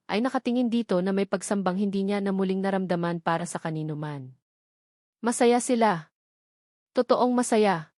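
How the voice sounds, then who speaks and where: A Filipino woman with a mid-range female pitch narrates a dramatic scripted story. Her tone is darkish, and the recording is close and dry, with almost no room sound.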